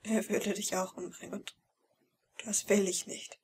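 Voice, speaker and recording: A woman voicing a cold young man in a whispered role-play, speaking in a hushed, low whisper. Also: level tone, a little slow, slight background noise, close to an everyday voice. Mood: pitying.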